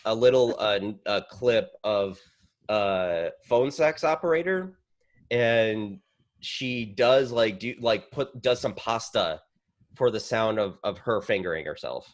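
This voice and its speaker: A man co-hosting a casual podcast chat, talking haltingly with lots of restarts. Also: lowish voice, animated. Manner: halting, many fillers and restarts. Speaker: podcast co-host.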